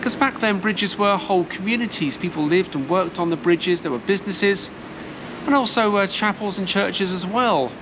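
Filming herself on a handheld camera outdoors, a woman vlogs a relaxed history walking tour of a city churchyard, stumbling through many fillers and restarts. Her voice is medium in pitch and pace, and heavy city noise surrounds her.

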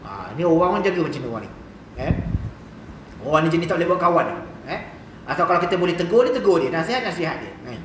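A man's voice: a little high, lively intonation, quick pace, fairly bright tone, a little hiss or hum. Man with a Malaysian Malay accent preaching in an echoey mosque. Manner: chatty, rhetorical, keeps asking "eh?" and "kan?". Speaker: religious lecturer. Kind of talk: mosque hadith lecture. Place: mosque hall. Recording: echoey mosque hall, mic far off.

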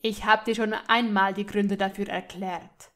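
A woman voicing an arrogant, mocking young man who speaks calmly in a drawl in an audiobook drama. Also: mid-range voice, a little slow, lightly acted. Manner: calm, drawling, sneering.

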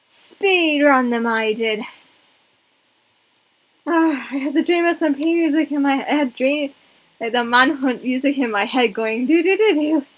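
A woman's voice: sits high, moderate pace, long pauses, poor audio. A young woman streaming a game, chatting casually and rambling in a self-mocking way to her viewers. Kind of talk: casual live-stream chat while gaming.

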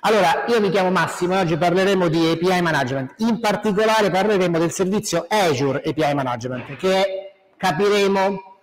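Guy with a high voice doing a tech meetup talk in a hall, chatty, lots of examples. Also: fairly quick, crowd noise. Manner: conversational, explains with examples and asides. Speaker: meetup speaker. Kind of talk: technical talk to a live audience. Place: lecture hall.

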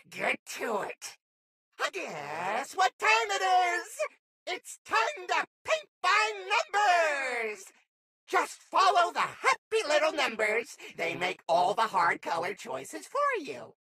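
Manic sun jester animatronic, male, game role: high, wildly swooping, bubbly, theatrical daycare attendant. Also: sharp tone, dry recording, full character voice. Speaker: game character voice actor. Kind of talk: animated video game character acting.

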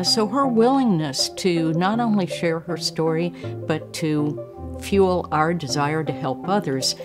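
A woman speaking as a university leader in an interview, emphatic on key words. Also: fairly low pitch.

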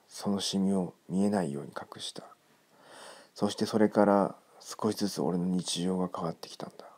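A man reading a ghost story in a hushed, creepy manner, his gravelly, breathy voice often close to a whisper. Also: deep voice.

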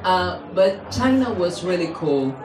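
Spanish comic, animated and playful, works a small indoor comedy club stage with a handheld mic, pitching up into mock voices for quotes at a slightly slow pace. It sounds roomy and distant, with a noisy background and laughter from the crowd.

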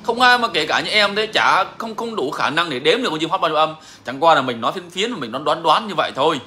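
A man's voice: fairly high pitch, expressive, fast, pushed and bright, slight background noise. A man, a songbird breeder answering viewers in a casual live chat. He is emphatic and repeats his phrases.

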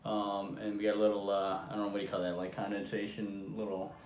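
A man's voice: fairly low pitch, monotone, fast talker. A man co-hosting a casual taste-test vlog, rambling and restarting his sentences, sometimes talking with his mouth full. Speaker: vlog co-host. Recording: echoey room with faint noise.

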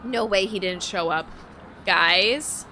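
A young woman doing casual, playful let's play commentary for viewers into a close desk microphone, with expressive reactions. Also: medium pitch, slow, a little hiss or hum. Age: young adult. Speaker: game streamer. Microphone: close desk microphone with headset headphones.

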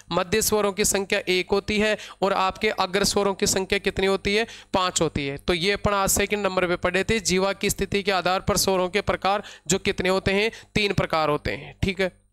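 A male grammar teacher with a high, smooth, resonant voice. He teaches an online class in a patient, repetitive way. He keeps asking the students questions and answering them himself, and he drags out key terms word by word as if dictating notes. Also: a bit bright. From India. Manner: slow, dictating pace when spelling out terms.

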